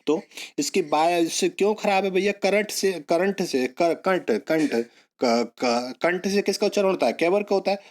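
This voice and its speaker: A man's voice: sits high, measured pace. A male teacher giving an online exam-prep lesson, repeating words and coaxing students along with memory tricks.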